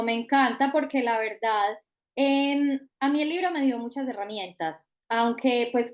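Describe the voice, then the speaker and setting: High-voiced woman hosting a podcast. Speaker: podcast host. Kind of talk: podcast interview.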